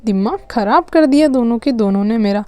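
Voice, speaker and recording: This is a fed-up mother doll from a homemade doll story, voiced by a woman. She scolds and complains in a high, clean, mellow voice. The recording is close and dry. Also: animated, moderate pace, no room sound, natural voice. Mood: angry. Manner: nagging, scolding, then weary. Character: scolding tired mother doll, stressed and loud. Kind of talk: doll story play-acting.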